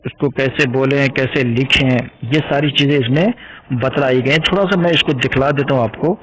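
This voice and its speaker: A man hosting a lesson on public speaking, talking unhurriedly and repeating words slowly to show how they should be pronounced. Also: mid-range voice, a bit bright. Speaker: speech-making teacher, channel host. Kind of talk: casual instructional talk.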